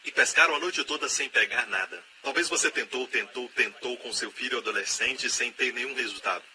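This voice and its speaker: A man with a Brazilian Portuguese accent, giving the voice-over of a sermon with emphatic preaching and loud repeated exhortations. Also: medium pitch, fairly quick. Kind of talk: dubbed sermon. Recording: steady background noise.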